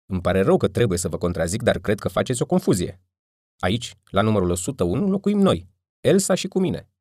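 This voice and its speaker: A man's voice: lowish voice, big pitch swings, dark tone, no echo, studio quality. A man voicing a flustered, bewildered middle-aged man who pleads in formal, anxious speech. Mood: agitated.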